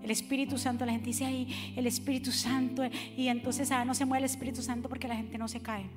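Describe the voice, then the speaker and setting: A woman preaching a sermon in a church, building from calm teaching to fiery shouting and acting out the voices of the people she describes. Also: high voice, brisk. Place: church sanctuary. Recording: reverberant church hall with music behind.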